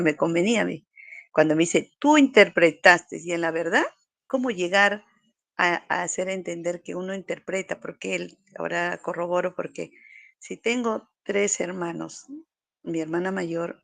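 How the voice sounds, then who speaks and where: Gravelly middle-aged woman. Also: lowish voice, no echo. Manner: reflective, halting, with frequent fillers. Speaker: group member sharing testimony. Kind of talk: personal spiritual testimony.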